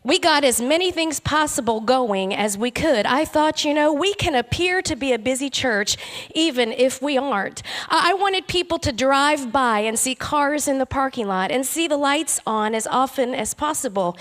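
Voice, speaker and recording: A woman's voice: sits high, animated, normal speed, a bit bright. A woman preacher giving a conference talk, earnest, with rhythmic lists.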